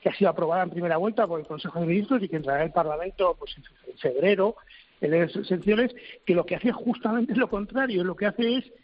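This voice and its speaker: A government official answering interview questions, a man who talks haltingly and searches for his words. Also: high-pitched. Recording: dull lo-fi recording.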